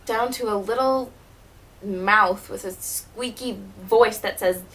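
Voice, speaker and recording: A woman playing a wounded, wry teenage girl who was once a child stage performer, delivering a dramatic monologue in a bitter, halting way. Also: mid-range voice, a bit bright, low-quality recording. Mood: hurt, bitter. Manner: bitter, hurt, halting with repeated words.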